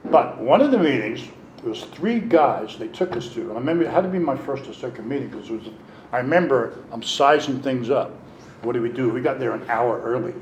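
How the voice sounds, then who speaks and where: At a recovery meeting, a middle-aged man with a mid-range voice talks candidly and a little quickly about his past, animatedly acting out the voices of people in his story. The room echoes, and a faint hiss lies beneath his voice.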